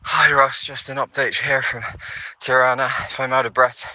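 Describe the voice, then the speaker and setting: A man playing a halting, apologetic detainee. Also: medium pitch, steady tone, heavy background noise, close to an everyday voice. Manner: apologetic, matter-of-fact, halting with fillers. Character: man sending updates while held in a cell during trials. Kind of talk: comic phone-in sketch.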